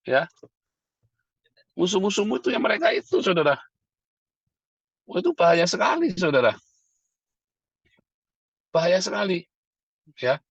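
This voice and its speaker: A man's voice: high-pitched, a bit bright, no room sound, lo-fi sound. A middle-aged man, a pastor, preaching a sermon and calling to his listeners as brothers and sisters.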